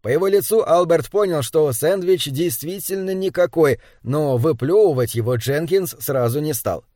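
A man narrating an audiobook in an even, steady storytelling manner. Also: a little high, moderate pace, dry recording, clean studio sound. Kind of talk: scripted narration.

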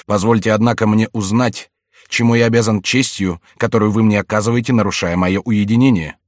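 A man's voice: fairly low pitch, fairly even intonation, a little fast, dry recording, clean studio sound, lightly acted. A man voicing a grim, stern count who answers coldly and guardedly.

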